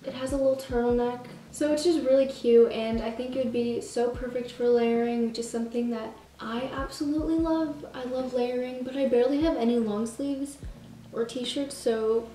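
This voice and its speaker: A woman's voice: fairly high pitch, steady tone, normal speed, dark tone, recorded from a distance, slight background noise. A teenage girl chatting through a clothing try-on haul, bubbly and chatty with self-mocking asides. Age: teens. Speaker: vlogger. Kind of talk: casual try-on haul chat. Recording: roomy sound from off the mic.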